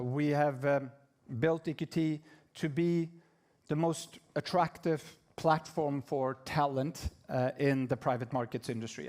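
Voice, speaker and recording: A man with a slightly high speaking voice delivers a prepared business presentation at an investor event. He speaks in a measured, steady way, now and then pausing on fillers or restarting a phrase. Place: conference room.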